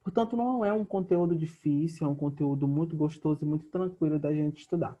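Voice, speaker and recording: A man's voice: fairly high pitch, fast, narrow, tinny audio. A man with a Brazilian Portuguese accent and a sore throat, coughing often as he patiently teaches a geography lesson he records at home for his students. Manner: patient, explanatory, addresses students directly. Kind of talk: recorded remote class lesson.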